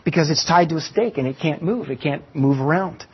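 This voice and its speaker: A man preaching a sermon, teaching with stories and slowing down for emphasis. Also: on the high side, breathy edge. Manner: teaching with illustrations and slow emphatic pauses. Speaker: pastor. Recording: dull lo-fi sermon recording.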